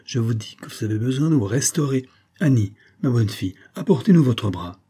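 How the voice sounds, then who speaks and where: A man reading an audiobook, voicing a hearty, blustering, excitable male doctor. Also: mid-range voice, a little fast, husky, voice pushed up. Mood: scolding. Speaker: neurologist.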